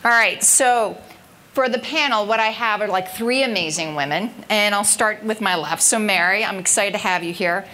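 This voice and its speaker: A woman's voice: medium pitch, moderate pace, pushed and bright, slight background noise. Upbeat woman moderating a live panel. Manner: upbeat, effusive, chatty with fillers. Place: event stage before an audience.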